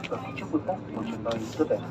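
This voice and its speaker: A man's voice: medium pitch, animated, fast. A man from the cabin crew reading a formal, scripted flight attendant welcome announcement. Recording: dull cabin speaker, loud aircraft noise. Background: loud aircraft cabin noise.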